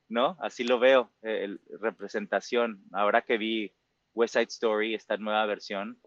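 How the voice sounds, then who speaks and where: A man's voice: fairly low pitch, steady tone, a little slow, a bit bright, no echo, dull audio. A Mexican man in his forties with a Mexican Spanish accent, a musical theater performer talking reflectively in an interview, full of fillers and tag questions. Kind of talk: casual interview talk.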